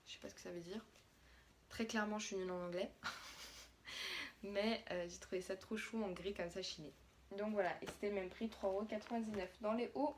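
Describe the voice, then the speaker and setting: A woman's voice: medium pitch, a little hiss or hum. A young French woman, a mother, chatting casually through a haul of her daughter's clothes with plenty of fillers and restarts.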